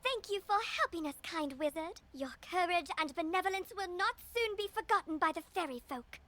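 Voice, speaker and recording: Game fairy, sweet tiny pixie, very bright and lilting, gushing with gratitude. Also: female voice, very high voice, lively intonation, fairly quick. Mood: grateful. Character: tiny grateful female fairy, sweet and joyful. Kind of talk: video game character acting.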